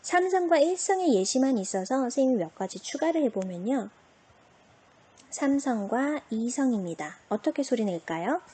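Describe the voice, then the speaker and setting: A woman teaching an online Chinese pronunciation lesson, drawing out example words slowly and asking and answering her own questions. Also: high voice, animated, mellow, husky.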